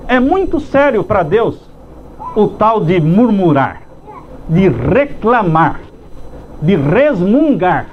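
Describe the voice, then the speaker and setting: A pastor preaching a sermon slowly with emphatic pauses, acting out heartfelt prayers in his own voice. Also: high-pitched, very animated. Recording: dull lo-fi sound with faint background noise.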